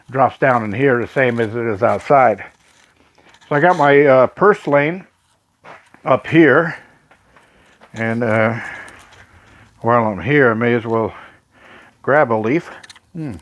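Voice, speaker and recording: A man's voice: medium pitch, no room sound, highs cut off. A man out of breath after hard work, chatting casually as he walks through his desert greenhouse and shows his trees, rambling and correcting himself. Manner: rambling, self-correcting, with frequent filler pauses. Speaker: homesteading vlogger. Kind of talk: casual walkthrough vlog. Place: outdoors and inside a greenhouse in the desert.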